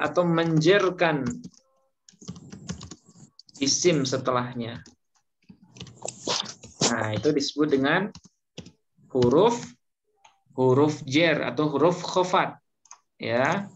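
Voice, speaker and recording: Slow, patient male grammar teacher. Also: on the high side. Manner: patient, repeats points and lets students finish his words. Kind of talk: slow classroom lesson. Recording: dull lo-fi recording, faint noise.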